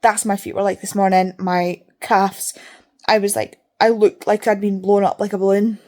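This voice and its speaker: A woman's voice: medium pitch, little pitch movement, moderate pace, mellow. A woman vlogger chatting casually, talking with her mouth barely open and rambling, repeating herself for emphasis. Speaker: reading vlogger. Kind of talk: casual chat to camera.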